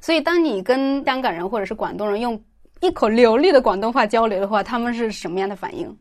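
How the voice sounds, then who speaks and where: A woman's voice: fairly high pitch, fast, darkish tone. A woman interviewing a guest in a conversational way, asking questions and setting up topics.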